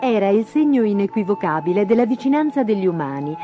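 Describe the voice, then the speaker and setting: A woman reading a children's fairy tale aloud in a lively, expressive way. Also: mid-range voice, fast talker, lo-fi sound, over music. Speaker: storyteller. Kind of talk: storybook reading.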